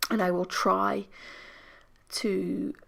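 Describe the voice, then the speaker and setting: A British woman, unwell and losing her voice, narrating a crafting video voiceover very close to the microphone in a soft, half-whispered, apologetic ramble. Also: mid-range voice, flat delivery, very slow, vocal fry. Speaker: scrapbooking channel host.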